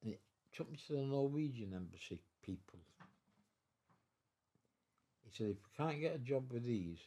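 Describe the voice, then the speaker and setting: A man in his nineties from England, telling his life story in an interview at his home, halting and repeating words, emotional at times. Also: medium pitch, expressive, mellow. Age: 90s. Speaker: war veteran interviewee. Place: living room of his own home.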